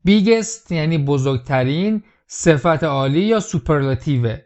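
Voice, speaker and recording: A man teaching English, who repeats film lines slowly and explains them step by step. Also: a little high, expressive, darkish tone.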